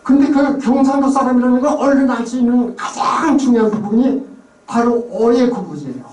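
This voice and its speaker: This man speaks at an extremely high pitch, a little fast, with a darkish tone. Lecturing on place names in a chatty, informal way, he frequently mimics regional pronunciations. Recorded in an echoey room from a distant mic.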